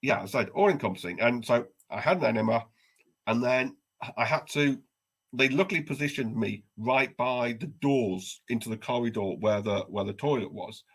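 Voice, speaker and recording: A man co-hosting a podcast, telling a story in a wry, self-deprecating, animated way. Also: medium pitch, moderate pace, husky. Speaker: podcast co-host. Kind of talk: casual storytelling chat.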